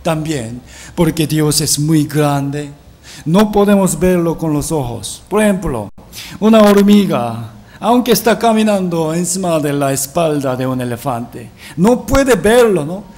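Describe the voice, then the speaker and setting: A man with a fairly high voice teaches scripture in a sermon style. He talks slowly and deliberately, reads verses aloud and keeps checking in with his listeners through rhetorical questions. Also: expressive, darkish tone. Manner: deliberate, asks rhetorical questions and adds a tag "¿no?". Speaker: Bible seminar teacher.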